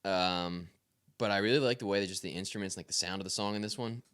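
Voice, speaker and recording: A man's voice: deep voice, fast, fairly bright tone, clear, resonant tone. A man co-hosting a podcast, chatting casually about an album in an easygoing way and laughing easily. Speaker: podcast co-host. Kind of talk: casual music review chat.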